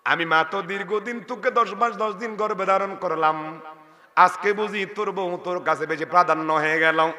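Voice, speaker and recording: A man's voice: high voice, normal speed, pushed and bright. A man voicing a grieving old mother who is sick and cast out, in a wailing lament. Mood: pleading. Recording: long reverb of a large venue.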